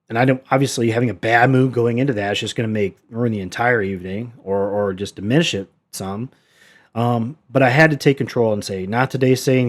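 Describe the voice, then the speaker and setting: Earnest man teaching a Bible study. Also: mid-range voice. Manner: conversational, many fillers and restarts; earnest, exhorting. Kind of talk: casual Bible study talk.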